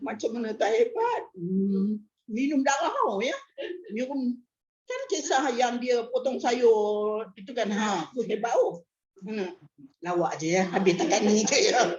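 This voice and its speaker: This medium-pitched, slightly mellow female voice belongs to a religious teacher leading a relaxed hadith class in a prayer hall. She keeps things chatty with jokes and laughter, leaning on "nak, nak" as a recurring filler, all captured on a dull lo-fi recording.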